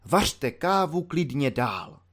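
A man reads an audiobook, voicing a good-natured, simple soldier in a low, grave, drawn-out manner using colloquial everyday speech. His pitch swings widely and his tone is fairly bright.

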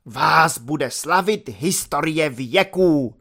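A man voicing a pompous, half-drunk young army lieutenant who shouts grand speeches at his troops in a storybook reading. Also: fairly high pitch, lively intonation, husky, full character voice. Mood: grandiose ranting.

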